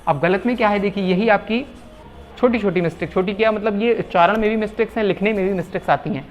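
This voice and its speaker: A man teaching correct Hindi spelling, repeating words slowly and asking the viewers rhetorical questions. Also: sits high, lo-fi sound, a little hiss or hum. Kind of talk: explaining spelling at a whiteboard.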